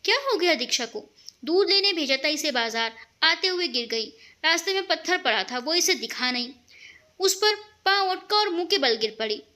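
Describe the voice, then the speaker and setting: A woman's voice: extremely high pitch, expressive, moderate pace, pushed and bright, heavily acted. A woman voicing an exasperated young man complaining about his clumsy younger sister. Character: exasperated young man, scolding older brother.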